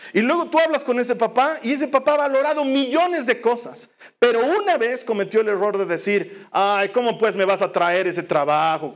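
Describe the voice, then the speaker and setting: A middle-aged man, a pastor, preaching a sermon in an earnest way and firing rhetorical questions at his listeners. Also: sits high.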